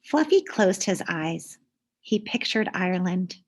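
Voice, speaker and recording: A woman with a lowish voice reads aloud to children, telling the story expressively with deliberate pauses and emphasis.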